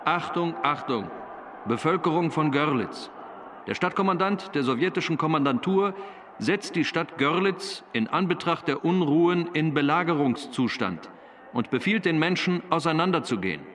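A man making a stern official announcement over a public loudspeaker, heard in an old archive recording. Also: a little high, expressive, normal speed, far from the mic, slight background noise.

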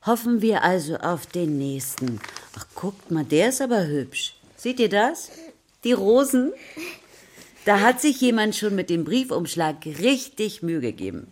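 The speaker is a woman acting as a patient, supportive primary school teacher in a German children's radio play, asking questions and explaining things to her pupils. Her husky mid-range voice has lively intonation and a somewhat dark tone, and she talks a little slowly.

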